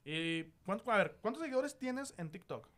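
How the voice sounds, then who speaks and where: A man's voice: sits high, lively intonation, moderate pace, a bit bright. A man co-hosting a casual chat, joking around and swearing freely. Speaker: co-host.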